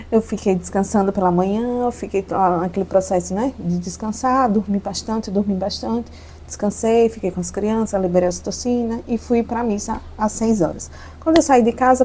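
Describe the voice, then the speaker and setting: A woman's voice: medium pitch, dark tone. A woman in her thirties with a Brazilian Portuguese accent, telling the story of giving birth in an earnest, emotional way and repeating phrases for emphasis. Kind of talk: personal storytelling.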